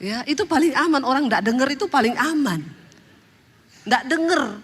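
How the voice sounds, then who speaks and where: A woman's voice: high-pitched, animated, normal speed, a bit bright, breathy edge. A woman preaching a sermon, telling funny personal stories and often turning to the congregation in a chatty, joking way. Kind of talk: sermon told through humorous personal stories.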